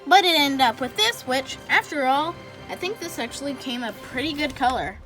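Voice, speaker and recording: A woman talks her way through a casual drawing tutorial, rambling and correcting herself as she colors. Her pitch jumps around in lively swings. Faint music plays softly behind her. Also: normal speed. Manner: self-correcting, thinks out loud. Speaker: drawing channel host.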